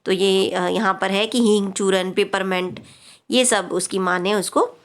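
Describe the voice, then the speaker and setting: A woman teacher working through a worksheet in an explanatory classroom style. She talks patiently, with small pauses and fillers as she reads and explains each question. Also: medium pitch, fairly even intonation.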